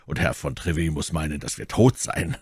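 A man reading the part of a grave, calm musketeer leader in a storybook reading, in a measured, serious manner. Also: very deep voice, breathy edge, no room sound, clean studio sound, exaggerated voice.

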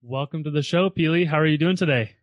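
A man's voice: on the high side, fast talker, no room sound, highs cut off. A man hosting a podcast, talking to listeners and his guest in an upbeat, conversational way with casual fillers. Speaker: podcast host. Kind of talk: podcast interview.

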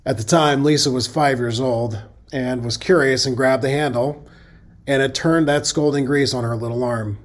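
A man's voice: medium pitch, steady tone, moderate pace. A middle-aged man with a Midwestern accent, hosting a safety podcast in a folksy, conversational monologue that now and then corrects itself.

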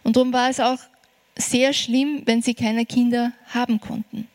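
A woman preaching a sermon, earnest and encouraging, slowing down for emphasis. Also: on the high side, little pitch movement, a little mellow.

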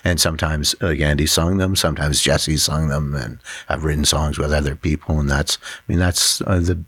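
Man, extremely low husky voice, hesitant interview talk, dry studio sound. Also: fairly even intonation, normal speed, a bit bright, no room sound. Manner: thoughtful, hesitant, many fillers. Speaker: songwriter and musician, interview guest. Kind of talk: casual interview chat.

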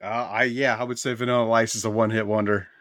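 Man, podcast co-host, chatty storyteller, bright tense tone, dry close mic. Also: fairly low pitch, little pitch movement, fast, no room sound. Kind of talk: casual chat.

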